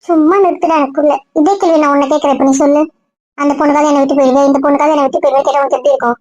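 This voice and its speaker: A woman's voice: high voice, fairly even intonation, rapid-fire, darkish tone, no echo, muffled recording, lightly acted. A woman voicing a blunt, protective young friend who scolds in a stream of rhetorical questions. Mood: scolding. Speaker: outspoken friend. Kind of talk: Tamil audio drama acting.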